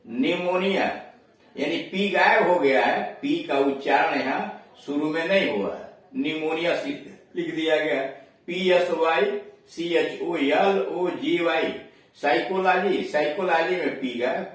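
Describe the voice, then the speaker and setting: A man teaching a grammar lesson, explaining slowly, repeating each rule and spelling words out letter by letter. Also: on the high side, distant mic. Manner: checks understanding with quick questions. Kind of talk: classroom lesson. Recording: echoey room, voice from away from the mic.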